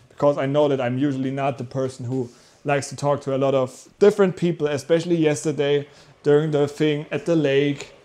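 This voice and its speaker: A young man from Germany talking casually to camera as a vlog host, telling his story in an animated, rambling way with self-corrections. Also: medium pitch. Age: young adult. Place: small rooms at home, indoors.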